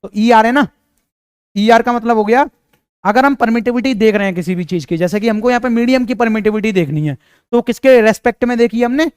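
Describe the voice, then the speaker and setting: A man's voice: extremely high pitch, a little fast, darkish tone, smooth, no room sound, clean studio sound. A young man teaching physics in a casual, chatty lecture, talking straight to his students and joking with them. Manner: chatty, jokey, addresses students directly.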